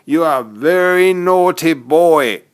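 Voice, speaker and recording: A man's voice: on the high side, lively intonation, slow, clear, resonant tone, voice pushed up. A man voicing a jolly old Santa Claus, hearty and noisy, in a children's storybook. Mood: mock scolding.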